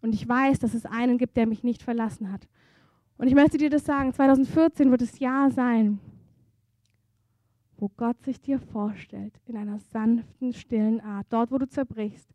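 A woman preaching a sermon at a church service, earnest and intimate, moving between hushed softness and fervent emphasis. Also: a little high, steady tone, moderate pace, no room sound.

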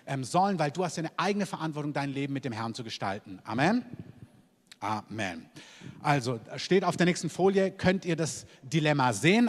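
A man preaching a sermon as a pastor, emphatic, punctuating points with repeated calls of "Amen". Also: a little high. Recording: long hall reverb.

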